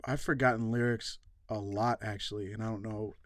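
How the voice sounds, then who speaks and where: A young man, a rapper guest on a podcast, talking in a relaxed, laid-back way with animated reactions. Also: lowish voice, a little fast. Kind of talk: casual podcast chat.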